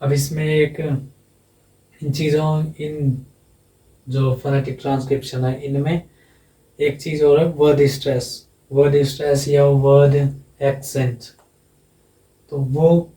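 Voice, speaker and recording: A man teaching English phonetics, going slowly and repeating each sound several times, often checking in with a short tag question. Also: fairly high pitch, level tone, dark tone, echoey room, recorded from a distance, low-quality recording. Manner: ends phrases with a checking "है ना". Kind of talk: whiteboard phonetics lesson.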